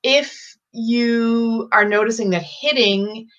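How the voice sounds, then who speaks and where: Woman parenting coach explaining steps to camera, earnest, bright punchy voice, kinda muffled lo-fi sound. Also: a little high, fairly even intonation, slow pace. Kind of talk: advice talk to camera. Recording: dull lo-fi recording.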